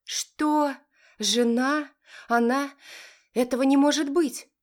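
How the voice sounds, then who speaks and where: A woman's voice: fairly even intonation, slow. A woman voicing a furious, scornful, domineering older mother who shrieks and spits venomous insults. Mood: shrieking. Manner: shrill, venomous, shouting.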